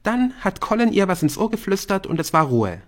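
A man's voice: high voice, sing-song, fairly quick, voice pushed up. Bryn, a man putting on a clingy teenage girl. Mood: gossipy.

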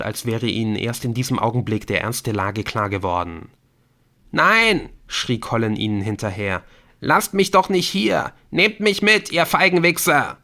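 Low-voiced male audiobook narrator. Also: a bit bright. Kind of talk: scripted narration.

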